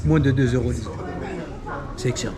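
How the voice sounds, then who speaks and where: A man's voice: medium pitch, normal speed, loud music behind the voice. A man chatting casually to camera as a food vlogger, talking between bites with savoring murmurs and playful, self-mocking exaggeration at a street food spot. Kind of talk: casual mukbang chat to camera. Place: street food eatery in Vietnam.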